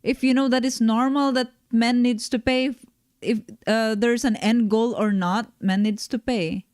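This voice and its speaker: A woman's voice: a little high, fairly even intonation, darkish tone, no room sound, studio quality. Exasperated woman reacting on stream. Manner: exasperated, critical, halting restarts. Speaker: streamer reacting to a panel video. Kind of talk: live stream reaction commentary.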